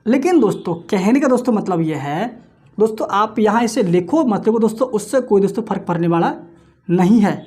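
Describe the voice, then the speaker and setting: Chatty Hindi-speaking maths teacher drilling sums. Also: male voice, high voice, expressive, a little mellow, slightly rough. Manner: fills nearly every phrase with "friends", repeats questions and answers them himself; works sums aloud in quick times-table chants. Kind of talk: exam-prep maths lecture.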